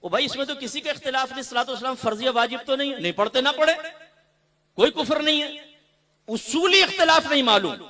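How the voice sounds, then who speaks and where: A man preaching a sermon to a gathering as a mufti, impassioned, with loud emphatic runs between quieter asides and anecdotes full of quoted dialogue. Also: very high voice, lively intonation, fairly quick.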